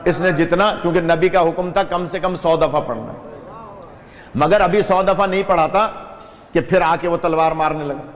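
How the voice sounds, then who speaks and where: Preacher man in an echoing hall. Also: fairly high pitch. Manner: lively narration with audience asides. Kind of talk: sermon storytelling. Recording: reverberant hall.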